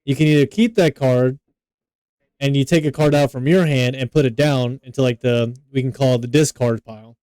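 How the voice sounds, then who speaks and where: Young man, podcast co-host, mellow, smooth, dry mic, rambling casual chat. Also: mid-range voice, fairly even intonation, brisk, no echo. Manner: loose, profane, lots of "like" fillers.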